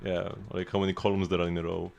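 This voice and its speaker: A man's voice: deep voice, completely flat delivery, fast, vocal fry, darkish tone, soft background music. A man livestreaming a video game, chatting casually and explaining team strategy in a rambling way with frequent restarts.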